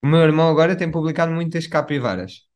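A man's voice: a little high, fast, darkish tone. A young man, co-hosting a podcast in a casual, slangy and joking way. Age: young adult. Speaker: podcast co-host. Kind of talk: casual chat.

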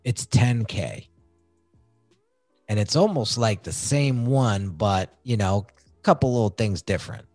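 Animated man telling a story, dry close mic. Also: on the low side, moderate pace, dry recording, soft background music. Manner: animated, excitable storyteller with lively swings. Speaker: podcast guest, design agency founder. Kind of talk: casual storytelling interview.

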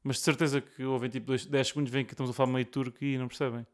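A man's voice: medium pitch, flat delivery, very fast. A young man with a European Portuguese accent, chatting casually as a podcast co-host, slangy and often repeating his phrases. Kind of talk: casual chat between friends.

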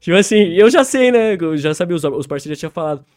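A man's voice: a little high, animated, fast talker, a little mellow, no echo, clean studio sound. A young man with a São Paulo accent, a rapper guest telling a long story in casual, slang-heavy talk, laughing and acting out other people's lines. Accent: São Paulo Brazilian Portuguese. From interior of São Paulo state, Brazil.

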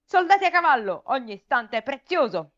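A woman's voice: sits high, sing-song, fairly quick, a bit bright, dull audio, pitched above the performer's own voice. A woman voicing a sleepy, easily alarmed old tsar in a storybook reading, giving commanding exclamations. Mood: urgent.

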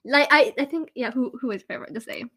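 Young british woman on a podcast, really high voice, jokey and teasing, laughs all the time. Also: fast talker, a bit bright. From Britain. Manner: playful and teasing, laughs often. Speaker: podcast co-host. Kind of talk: casual chat.

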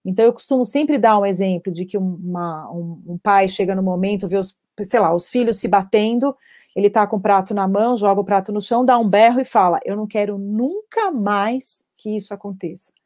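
A woman addiction treatment professional talking in a live stream over a video call, animated, acting out parents' words and tagging sentences with questions. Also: medium pitch, brisk. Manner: animated, acts out parents' quotes, frequent tag questions.

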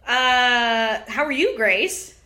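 A woman's voice: on the high side, extremely slow, bright, forceful tone. A young woman co-hosting a podcast in casual chat, playful, with short wry reactions. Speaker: podcast co-host.

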